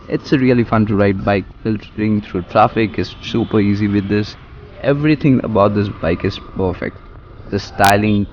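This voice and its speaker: A man with a fairly low voice talks casually through a motorcycle vlog. He sounds chatty and enthusiastic about the ride. The helmet-mic recording is dull, with faint noise behind him. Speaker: motovlogger. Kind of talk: casual motorcycle vlog commentary while riding. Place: outdoors on a motorcycle in city traffic.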